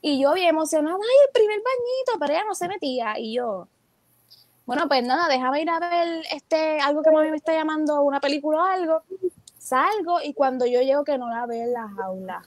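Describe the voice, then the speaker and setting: A woman's voice: high voice, fairly quick, no echo. A young adult woman, a teacher and entrepreneur, telling stories as a guest in a casual interview and acting out her own quoted thoughts.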